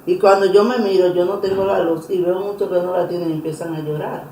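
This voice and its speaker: A woman telling her personal religious testimony in an interview, earnest and emotional, pausing and restarting often. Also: on the low side, fairly even intonation, mellow, a little hiss or hum. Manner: earnest, emotional storytelling with many pauses and restarts. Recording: roomy echo.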